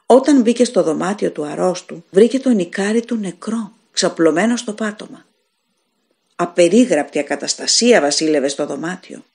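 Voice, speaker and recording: A woman narrating an audiobook of a gothic story in a measured, expressive way. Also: medium pitch, creaky. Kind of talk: scripted narration of a gothic tale.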